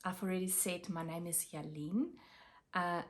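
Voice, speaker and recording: This craft vlogger is a South African woman who grew up speaking Afrikaans. She talks casually to camera about her projects, pausing often and using many fillers, in a lowish voice with fairly even intonation.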